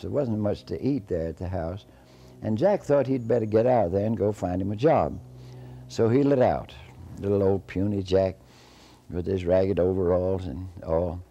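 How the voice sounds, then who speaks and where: A man's voice: lowish voice, dark tone. A man telling a folktale to listeners in a folksy way, with chuckling asides. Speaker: storyteller.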